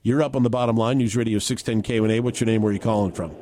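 A man co-hosting a talk radio show, explaining politics in a steady, measured way. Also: fairly low pitch, noisy background.

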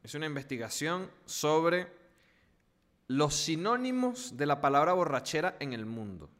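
Venezuelan guy chatting, fairly high voice, tells stories with laughs. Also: sing-song, unhurried, a bit bright. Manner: storytelling, laughing, colloquial. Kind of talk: casual chat.

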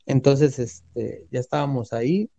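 A man with a Mexican Spanish accent spins a story in relaxed chat, his voice mellow and dark at an ordinary pitch. He talks in slang and hammers points home by repeating words. The sound is dry and close, with little room around it. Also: a little slow, creaky, dry recording, muffled recording. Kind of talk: casual storytelling.

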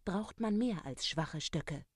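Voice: medium pitch, animated, slow pace, slightly rough, no echo, clean studio sound, full character voice. A storyteller voicing the sensible, hard-working third little pig, who speaks in an earnest, warning way. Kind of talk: storybook reading.

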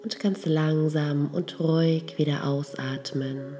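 A woman leading a guided meditation, giving soft, calm instructions. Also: sits low, takes it slowly, faint music behind.

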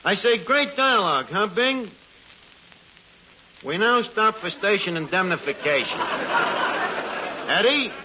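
A man's voice: high voice, lively intonation, a little slow, pauses often. A man playing a brash, wisecracking announcer in an old radio broadcast comedy, with slangy, ungrammatical talk. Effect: old radio broadcast recording. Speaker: show announcer. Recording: muffled old radio with loud hiss and audience.

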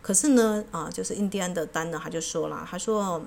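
Low-voiced Taiwanese woman sharing a book. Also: creaky, slight background noise. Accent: Taiwanese Mandarin. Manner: earnest storytelling, ends phrases with a soft drawn-out particle. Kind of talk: casual book sharing with read-aloud passages.

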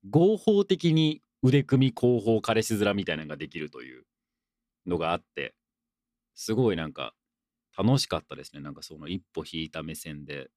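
Rambling, low-voiced man hosting a solo podcast. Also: dry recording, clean studio sound. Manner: loose, rambling, self-deprecating asides and playful mock-formal tone. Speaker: podcast host. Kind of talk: casual solo radio talk reading listener letters.

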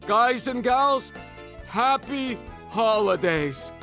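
A man playing a showy coffee shop owner who pitches a holiday deal in a radio ad, full of puns and mock curses. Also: animated, drawn-out words, heavily acted. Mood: salesy. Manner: showy, pun-filled salesman shtick with Yiddish curses. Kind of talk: radio ad spot. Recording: ad read over music.

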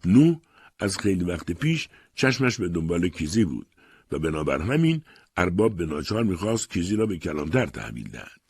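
Male audiobook narrator, low husky voice, animated delivery. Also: no echo. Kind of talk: scripted narration.

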